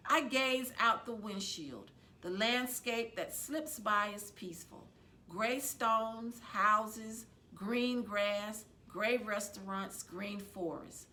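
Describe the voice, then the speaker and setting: Reading aloud from a children's novel the way a librarian would, a woman tells the story dramatically and expressively. She phrases things deliberately in her mid-range voice.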